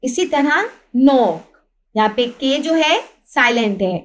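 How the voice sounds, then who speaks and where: Pakistani lady teacher, high voice, asks and answers her own questions as she goes. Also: animated, slow pace. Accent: Pakistani Urdu. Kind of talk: lesson explaining a textbook.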